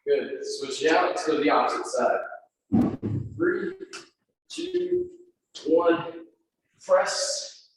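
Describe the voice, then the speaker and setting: A man's voice: fairly high pitch, wildly swooping pitch, takes it slowly, pauses often. A man leading a live workout class, counting down reps and calling out encouraging cues. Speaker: fitness instructor. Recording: echoey room, distant mic, faint noise.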